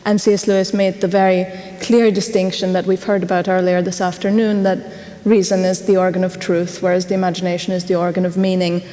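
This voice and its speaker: A woman speaks in an even, explanatory way, her voice mellow and dark in tone with a very flat melody. A long reverb from the hall trails behind her words. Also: fairly low pitch, a little fast. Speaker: panelist. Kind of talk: panel discussion answer.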